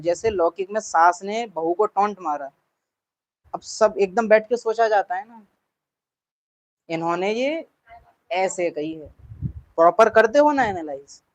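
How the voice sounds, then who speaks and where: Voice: medium pitch, poor audio. A spiritual teacher giving a class talk in an earnest way, repeating points for emphasis and putting questions to the listeners.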